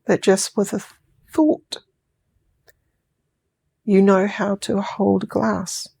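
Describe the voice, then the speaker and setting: Guiding a sleep hypnosis session, a New Zealand woman speaks in slow, soothing, stretched-out phrases that now and then fall to a whisper. Her mid-range voice barely moves in pitch and has a creaky, dark, slightly rough tone.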